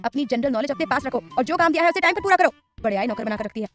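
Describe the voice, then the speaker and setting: A woman's voice: sits high, expressive, very fast, soft background music, voice pushed up. A woman voicing a bossy, playful young wife in a storybook reading, teasing and putting on a mock-innocent tone. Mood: scolding.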